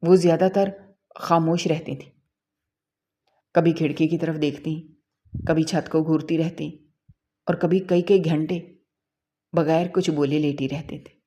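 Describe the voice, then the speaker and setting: Woman reading a sad family story, low voice, soft and mellow, calm steady telling. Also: long pauses, highs cut off. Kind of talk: scripted first-person story narration.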